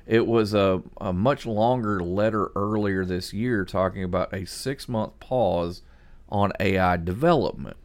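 A man hosting a podcast, discussing news conversationally in a halting way, repeating words as he thinks aloud. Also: lowish voice. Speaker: podcast host.

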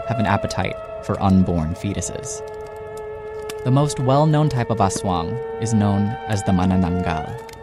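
Ominous low-voiced man, horror-trailer style narration. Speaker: host and narrator of a student radio show. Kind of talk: scripted spooky storytelling narration. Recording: music under the voice. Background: background music.

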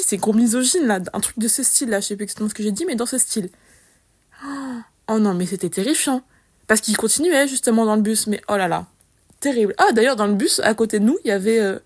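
A young woman hosting a podcast, telling casual stories in a chatty, lively, slangy way with many fillers. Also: mid-range voice. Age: young adult. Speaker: podcast host. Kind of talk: casual solo storytelling.

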